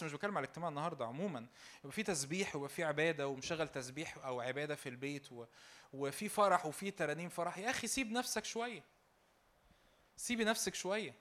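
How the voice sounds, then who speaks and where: His voice slightly high and fairly bright, the young preacher with an Egyptian Arabic accent grows fervent and repetitive, raising his voice to urge listeners on while dropping joking asides.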